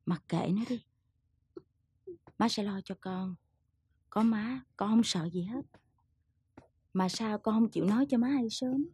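An actress playing a stern but caring middle-aged mother with a husky voice and a Southern Vietnamese accent, consoling and scolding her daughter. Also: medium pitch, unhurried, pauses often, no room sound. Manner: consoling, then gently scolding.

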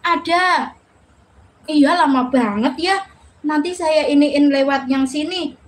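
High-voiced woman live streaming. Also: takes it slowly, slight background noise. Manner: chatty, reads viewer names aloud, laughs often. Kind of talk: casual live-stream chat greeting viewers.

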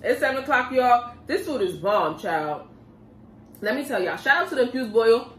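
A woman's voice: on the high side, lively intonation, normal speed, slight background noise. Laid-back slangy woman eating on camera. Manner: laid-back and slangy, talks between bites. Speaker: mukbang vlogger. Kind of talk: casual chat while eating. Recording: echoey room from a distance.

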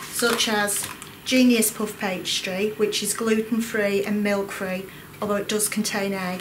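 A cooking instructor gives a calm, clear, step-by-step demonstration in a large college kitchen classroom indoors. Her medium-pitched voice is picked up by a distant camera mic, so it sounds echoey and far away, with kitchen clatter and room noise behind it.

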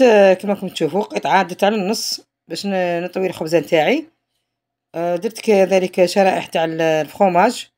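A woman's voice: medium pitch, a little mellow. A woman with an Algerian Arabic accent, narrating a home cooking tutorial in a chatty way, often trailing off mid-phrase. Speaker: home cook.

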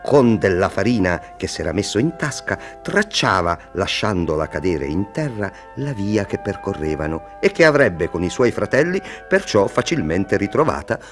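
A man narrating a fairy tale for children, expressive and talking to them directly. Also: fairly low pitch, normal speed, few pauses, soft background music. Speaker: storyteller.

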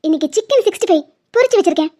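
A woman's voice: very high voice, lively intonation, very fast, dark tone. Woman voicing a coy teasing young wife.

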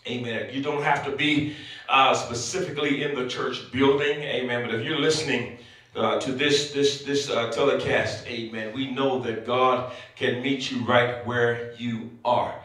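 A man's voice: mid-range voice, steady tone, a little slow, a bit bright. A man preaching a sermon at a pulpit microphone, dropping frequent amens between phrases. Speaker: bishop preaching. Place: church sanctuary. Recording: echoey church sanctuary, mic at a distance.

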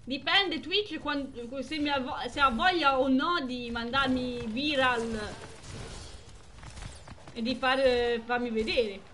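A young woman streaming a game live, chatting with viewers and exclaiming excitedly over the action. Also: high-pitched, takes it slowly, slight background noise. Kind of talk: live gameplay commentary.

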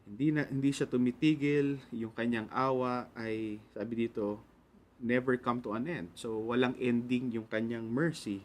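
A man's voice: mid-range voice, fairly even intonation, normal speed. Earnest Filipino man preaching devotionally. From Philippines. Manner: earnest, mixes Tagalog and English, polite "po". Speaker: radio pastor. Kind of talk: devotional sermon.

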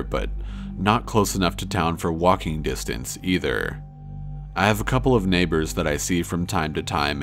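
Dude with a super deep voice reading creepy stories slow, faint music underneath. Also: male voice, a bit bright. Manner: slow, low, measured storytelling. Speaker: horror story narrator. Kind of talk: scripted narration of true scary stories.

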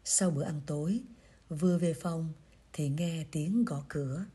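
A woman reads a pastoral reflection with a very breathy, husky voice that sits a little low. Her delivery is gentle and measured, like telling a story. The tone is dark and mellow. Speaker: reader of a priest's pastoral letter. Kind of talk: scripted reading of a pastoral reflection.

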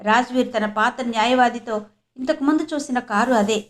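A woman narrating a scripted story in an even, measured reading voice. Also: a little high.

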